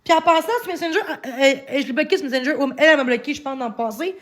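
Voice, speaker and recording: A young woman with a Quebec French accent speaks in a high voice on her livestream. She sounds agitated and defensive, tripping over repeated words as she rants. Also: racing, fairly bright tone. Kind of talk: upset livestream rant.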